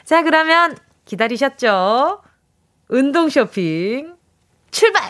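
In a radio studio, a young woman hosts a show on a studio mic, playfully announcing a giveaway and reading listener texts aloud. Her slightly high voice swings widely in pitch at a normal speed, her delivery bubbly and dramatic, with no room sound.

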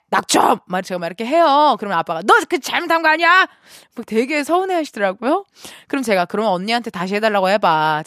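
A woman's voice: a little high, dry recording. A woman radio DJ with a bubbly, playful manner, chatting and reading listener stories from a studio mic. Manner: bubbly, playful, quick shifts of tone. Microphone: studio microphone.

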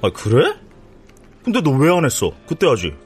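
An actor playing a smooth-talking young recruiter who acts like a friendly older brother, chummy and persuasive. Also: male voice, a little high, wildly swooping pitch, moderate pace, faint music behind. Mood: coaxing. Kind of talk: TV drama acting.

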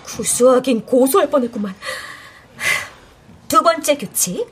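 A woman's voice: high voice, expressive, measured pace, a bit bright, a little hiss or hum. A woman playing a fussy, sarcastic young woman on a date in a comedy drama, exasperated and teasing. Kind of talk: acted comedy dialogue.

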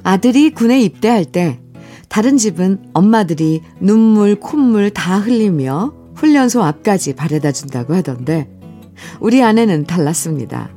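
A woman hosting a radio show, calmly reading listener letters aloud with soft music behind her. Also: medium pitch. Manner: calm, gentle, unhurried reading. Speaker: radio host. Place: radio studio.

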